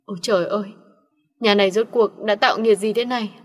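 A distraught mother over sixty, wailing and pleading through her tears, as a woman narrator voices her. Her voice sits at an ordinary middle pitch. The audio-story recording carries a long, hall-like reverb. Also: steady tone, fast talker, highs cut off, natural voice. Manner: pleading, tearful lament.

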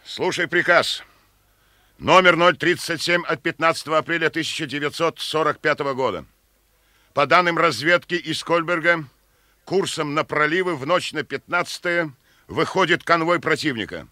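Bright-voiced, solemn Soviet naval commander. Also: male voice, a little high, dry recording, studio quality. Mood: commanding, formal. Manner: measured, authoritative. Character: solemn Soviet torpedo-boat division commander, resolute, fatherly. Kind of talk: Russian war drama, military address.

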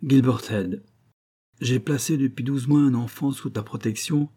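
A man's voice: mid-range voice, unhurried, warm tone, husky, voice pushed up. A man voicing a kindly old forester, a father who is mock-severe at first, then fond and proud. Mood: proud, earnest.

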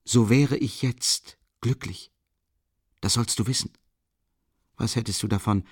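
A man's voice: fairly low pitch, moderate pace, no room sound, clean studio sound, natural voice. A man reading an audiobook voices a tormented young man, agitated, musing half aloud with bitter mockery.

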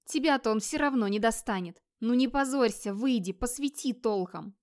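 A woman's voice: on the high side, normal speed, a little mellow, lightly acted. A woman reading the lines of an irritable, bold young male hunter in an audiobook, in a snapping, exasperated manner. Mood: irritated.

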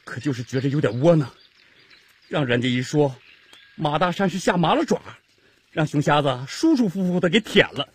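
A man's voice: fairly high pitch, expressive, normal speed, slight background noise, pitched above the performer's own voice, close to an everyday voice. A man doing 马大山, a swaggering young lumberjack. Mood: defiant. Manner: loud swaggering boasts and work shouts. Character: bold young male lumberjack, boastful and stubborn.

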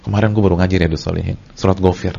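A man's voice: low-pitched, steady tone, very fast, vocal fry, dark tone, husky, heavily acted. A man acting out an honest, clever teenage student who talks in casual Jakarta slang. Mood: earnest. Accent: Jakarta Indonesian. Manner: casual slangy schoolboy talk. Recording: dull lo-fi lecture recording.

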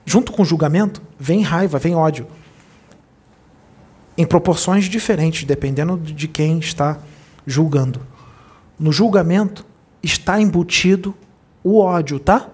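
A man's voice: fairly high pitch, a little slow, pauses often, darkish tone, breathy edge. A man speaking as a spiritual medium, giving a channeled sermon in an admonishing tone and asking many rhetorical questions.

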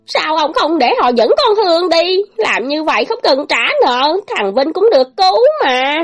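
A woman voicing a scheming, quarrelsome middle-aged stepmother who shouts shrilly in a storybook reading. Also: high voice, lively intonation, moderate pace, faint music behind, voice pushed up. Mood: shrill.

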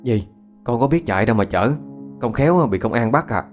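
A man's voice: medium pitch, lively intonation, fairly quick, faint music behind, close to an everyday voice. A man with a Southern Vietnamese accent voicing a fussy middle-aged aunt who scolds and exclaims, in a spoken ghost story. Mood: scolding.

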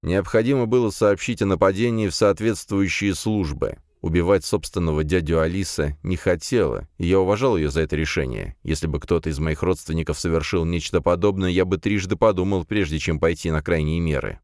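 A man reading a first-person fantasy audiobook in an even, measured way. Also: low-pitched, dry recording, clean studio sound. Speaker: audiobook narrator.

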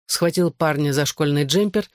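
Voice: medium pitch, normal speed, no room sound, clean studio sound. Tense first-person audiobook narrator. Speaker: audiobook reader.

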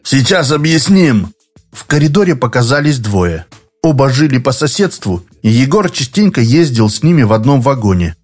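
A man narrating an audiobook in a measured, expressive storytelling manner. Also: medium pitch, soft background music.

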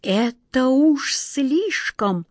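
A woman's voice: high voice, animated, very slow, no room sound, clean studio sound, voice pushed up, full character voice. A woman playing a fretful, whiny fairy-tale king who barks orders and frets over his health. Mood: moaning. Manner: whiny, commanding, easily flustered.

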